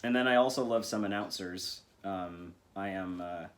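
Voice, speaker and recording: A man speaking as a voice actor guest in a casual interview, relaxed and thoughtful, rambling with lots of fillers. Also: low voice, normal speed, a loud crowd.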